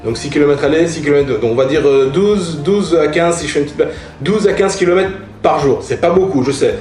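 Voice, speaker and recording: Speaking briskly in a fairly high, darkish voice, the motorcycle vlogger runs through gear for his viewers. Faint music plays behind him in an echoey room, and his informal talk is full of slang, emphasis, and repetition.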